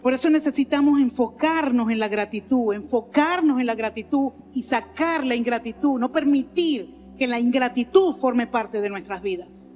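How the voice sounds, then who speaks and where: High-voiced Venezuelan woman preaching in a hall. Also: moderate pace, hardly any pauses, darkish tone. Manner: earnest preaching with repeated phrases and frequent "amén". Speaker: pastor. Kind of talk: sermon. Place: large church sanctuary. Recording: long hall reverb, faint music underneath.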